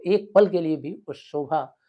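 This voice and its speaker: A man teaching a class, explaining a poem line by line, reciting the verses slowly and often checking that his students follow. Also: on the high side. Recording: dull lo-fi sound.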